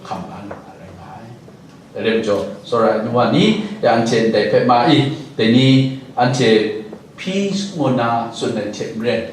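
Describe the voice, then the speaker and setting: Man preaching a sermon, lively up-and-down pitch, mixes in english words, sounds far off in a big echoey room. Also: moderate pace. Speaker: pastor. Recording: very echoey hall, distant mic, faint noise.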